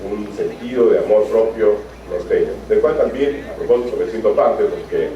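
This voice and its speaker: A man's voice: lowish voice, normal speed, mellow. Man lecturing in an echoey hall. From Peru. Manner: conversational, frequent tag questions and fillers. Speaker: guest lecturer. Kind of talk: university lecture. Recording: echoey hall from far off, dull sound.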